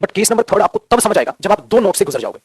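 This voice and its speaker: A man's voice: sits high, very animated, racing, darkish tone, breathy edge, no room sound. A man teaching English grammar to students in Hindi, calling them "beta", repeating key phrases and answering his own questions. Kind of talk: classroom grammar lesson in Hindi.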